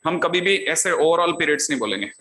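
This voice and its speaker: A male math teacher lectures in a bright, somewhat high voice and stretches out key terms as he writes them. He keeps checking that his students follow along. The sound is roomy and echoey, with a faint hiss underneath. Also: lively intonation. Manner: explains step by step, keeps asking "हाँ या ना?" to check students follow; drawls key terms slowly while writing them. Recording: echoey room with faint background noise.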